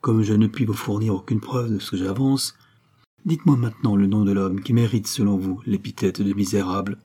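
A man's voice: fairly low pitch, steady tone, brisk, warm tone, breathy edge. A man voicing a cunning impostor nobleman who feigns sadness and surprise. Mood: mock-sincere. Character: cunning male impostor nobleman, smooth liar.

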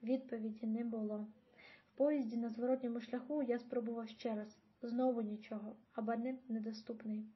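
A woman's voice: a little high, steady tone, normal speed. Woman reading an audiobook. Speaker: audiobook reader. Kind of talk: audiobook narration. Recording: dull lo-fi audio.

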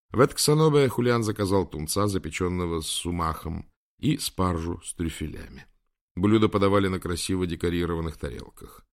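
A man narrating an audiobook in a calm, measured reading. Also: deep voice. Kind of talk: scripted narration.

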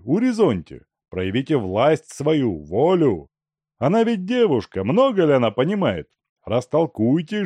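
A man's voice: fairly high pitch, warm tone, no echo, heavily acted. Man doing a fretful old father. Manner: fretful, pleading. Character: worried old merchant father, fussy and anxious.

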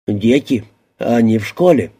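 A cowering little man, stammering and pleading in a shaky, dark, mellow voice, as a male audiobook reader puts him on. He keeps tripping over his first words in fear. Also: medium pitch, expressive, a little slow, husky. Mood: nervous. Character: timid stammering small middle-aged man, terrified. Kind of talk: audiobook character voicing.

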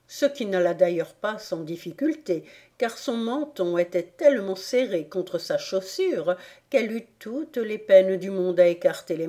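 A woman reading a classic storybook aloud as narrator. Her delivery is calm, measured and very slow, with a mellow, soft-edged tone. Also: fairly low pitch. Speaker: audiobook narrator. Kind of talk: scripted narration of a classic novel.

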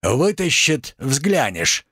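A man's voice: medium pitch, very animated, very slow, bright, forceful tone, slightly rough, no room sound, clean studio sound, pitched above the performer's own voice, exaggerated voice. A man voicing a stern, domineering older woman who talks in a scolding, commanding way.

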